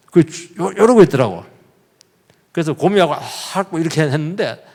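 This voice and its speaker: A male pastor preaching a sermon in a church, telling the story vividly and putting questions straight to his congregation. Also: on the high side. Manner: lively, questions the congregation directly; animated storytelling with sudden emphatic bursts. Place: church sanctuary. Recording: long reverb of a church hall.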